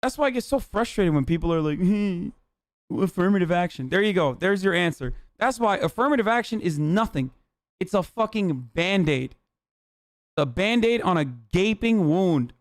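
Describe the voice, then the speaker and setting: A man's voice: sits high, lively intonation, normal speed, no room sound, clean studio sound. A male livestream host on a heated, profane rant, talking angrily and with heavy emphasis.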